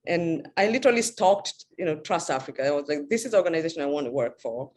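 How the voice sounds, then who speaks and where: A woman's voice: sits low, expressive, quick pace. A middle-aged woman from Kenya, a podcast guest, telling her life story casually with frequent laughs and word repeats. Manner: warm storytelling, laughs often, repeats words when starting sentences. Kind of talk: casual interview chat.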